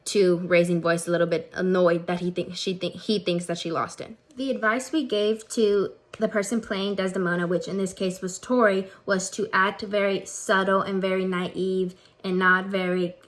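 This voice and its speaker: A young woman, a student co-director, earnestly reading out an explanation of her scene, slightly hurried. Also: medium pitch.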